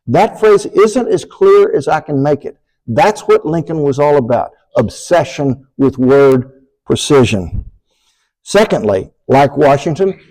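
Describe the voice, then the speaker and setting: A man lecturing to an audience in a room, deliberate and emphatic, slowing down to stress key phrases. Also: on the high side, darkish tone, rough recording. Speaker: speaker giving a talk.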